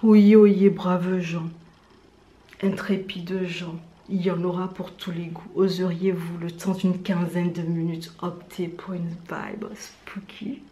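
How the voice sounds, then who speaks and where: A woman playing a theatrical town crier, proclaiming and then dropping into a hushed, drawn-out spooky delivery. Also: on the low side, flat delivery, a little hiss or hum. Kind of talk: theatrical spooky video introduction. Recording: roomy indoor echo.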